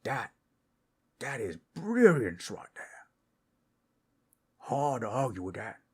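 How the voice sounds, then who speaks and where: Casting: male actor as friendly, bragging ork warrior turned masseur, raspy and unhurried, rustic rambling talk, ASMR role-play. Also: mid-range voice, very animated, exaggerated voice. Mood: chatty, boastful. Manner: folksy, rambling, boastful fantasy-brute talk with rustic grammar.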